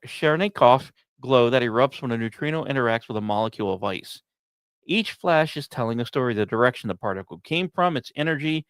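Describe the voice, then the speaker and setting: Here a male podcast host covers science, working through scripted narration with offhand asides and reflective musing. Short phrases are split by dramatic pauses, his voice is mid-range, and there's no echo.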